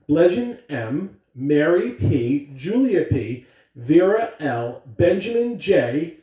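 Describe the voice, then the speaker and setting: A man with a slightly high, dark-toned voice reads school morning announcements and tells stories to children, speaking emphatically and directly to them. The room is echoey and the microphone distant.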